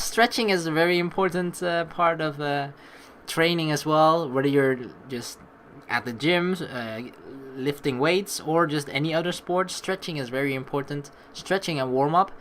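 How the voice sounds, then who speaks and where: Reading a visual novel's story text aloud between bits of commentary, a let's player teases and jokes her way through the game. Her deep voice is bright and forceful, a little slow, with slight hiss or hum in the audio.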